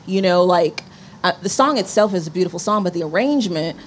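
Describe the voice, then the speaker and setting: A woman's voice: lowish voice, animated, brisk. A woman hosting a podcast, narrating and then talking emotionally on stage, close to tears. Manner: emotional, near tears, warm and enthusiastic. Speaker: podcast host. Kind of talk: narration then live onstage conversation. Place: front porch event with audience.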